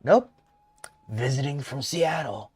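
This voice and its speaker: A man's voice: mid-range voice, slow, noisy background, pitched above the performer's own voice, natural voice. A man voicing a young adult traveler in a story game, chatting casually. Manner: casual, friendly small talk.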